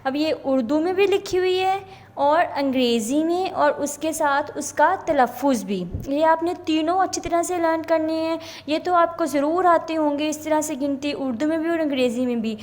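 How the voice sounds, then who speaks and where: High-voiced teacher spelling out letters slowly. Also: female voice, in a large hall. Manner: slow, spells out letters one by one. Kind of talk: online Urdu lesson for young children.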